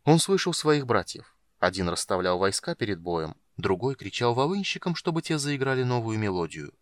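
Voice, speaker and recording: A man narrating a fantasy audiobook with a lively, dramatic delivery. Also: mid-range voice, normal speed, dry recording. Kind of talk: expressive fantasy audiobook reading.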